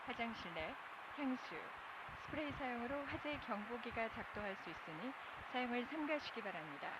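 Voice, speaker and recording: A woman's voice: fairly high pitch, expressive, brisk. A woman with a Korean accent, a cabin manager making formal, courteous scripted in-flight announcements. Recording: muffled cabin PA, loud ambient noise. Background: aircraft cabin noise.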